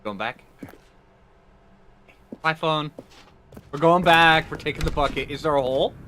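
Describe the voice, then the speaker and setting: A man's voice: fairly high pitch, unhurried, sharp tone, a little hiss or hum. A man giving casual gameplay commentary, reacting as he plays. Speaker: gamer playing and reacting.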